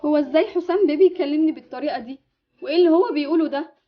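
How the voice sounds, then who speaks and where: A woman's voice: high voice, racing, highs cut off, close to an everyday voice. A woman with an Egyptian accent playing a loving, humble mother in an amateur game animation. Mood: worried. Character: loving, grateful, poor mother.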